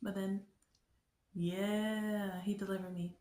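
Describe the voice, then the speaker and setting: A young woman sharing a personal faith testimony on her vlog, speaking in an earnest, unhurried, reflective way. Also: medium pitch, little pitch movement, dark tone. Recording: echoey room.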